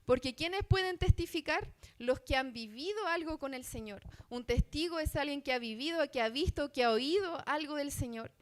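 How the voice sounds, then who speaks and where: A woman's voice: high voice, animated, moderate pace, few pauses. A woman from Chile with a Chilean accent, preaching a sermon as a missionary in church, earnest and asking the congregation questions. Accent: Chilean Spanish. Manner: earnest, asks the congregation questions, many fillers.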